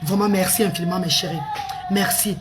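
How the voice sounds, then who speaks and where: A woman's voice: on the low side, fairly even intonation, a little fast, a crowd in the background, noisy background. Chatty woman live-streaming. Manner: repeats words, calls viewers pet names. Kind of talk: casual live-stream talk to viewers.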